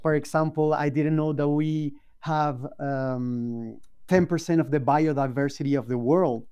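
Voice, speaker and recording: Slow, mellow-voiced man. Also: a little high, steady tone, clean tone, highs cut off. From Colombia. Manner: slow, thoughtful, many hesitant ums. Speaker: guest. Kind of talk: casual interview chat. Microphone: video call.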